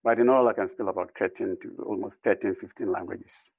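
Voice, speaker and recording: Gravelly-voiced man telling his story. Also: on the low side, fairly even intonation, a little fast, darkish tone, dry recording, rough recording. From Ghana. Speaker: podcast guest. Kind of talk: conversational self-introduction.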